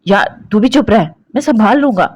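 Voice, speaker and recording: A woman's voice: medium pitch, expressive, normal speed, a little mellow, slightly rough, dry recording, pitched above the performer's own voice. A woman voicing a possessive, domineering young husband who gives harsh commands.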